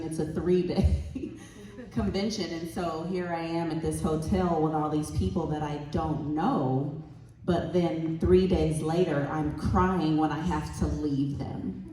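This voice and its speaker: A woman's voice: sits low, mellow, slight background noise. A woman speaking on a convention panel as the parent of a child who stutters, earnest and heartfelt. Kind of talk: panel discussion talk. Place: convention hall stage. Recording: echoey hall, voice far from mic.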